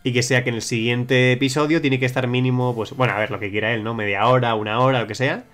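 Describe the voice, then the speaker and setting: A man's voice: mid-range voice, fairly even intonation, fast talker, fairly bright tone, soft background music. Chatty young man streaming. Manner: chatty, rambling, with frequent restarts and swearing. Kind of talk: casual livestream chat reading viewer suggestions.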